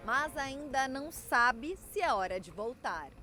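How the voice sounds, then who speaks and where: A woman voicing a scripted TV news report in a measured, even newsreading manner. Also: high voice, soft background music.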